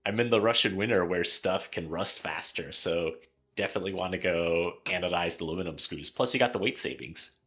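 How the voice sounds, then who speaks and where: Very deep, bright-toned joking man. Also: fairly quick. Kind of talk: casual gaming stream chat.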